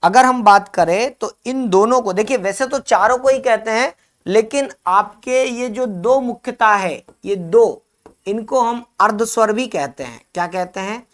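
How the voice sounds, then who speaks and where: Male teacher, live online class, asks and answers himself, repeats terms slowly. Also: sits high. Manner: drills by asking and answering his own questions; repeats key terms slowly for note-taking. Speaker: Hindi teacher.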